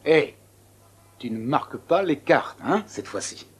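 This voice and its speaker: An actor dubbing a jovial hospital cafeteria worker who jokes and teases in a matey way. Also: male voice, a little high, very animated, a little slow, husky, full character voice. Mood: teasing. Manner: joking, matey. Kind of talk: French dub of a TV film.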